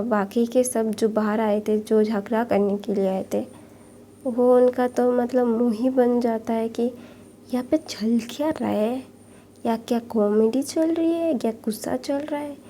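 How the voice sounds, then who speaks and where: A woman's voice: a little high, gravelly, warm tone, a little hiss or hum. A woman casually retelling a fan-fiction story, narrating the dialogue with frequent fillers and restarts and the odd whispered line.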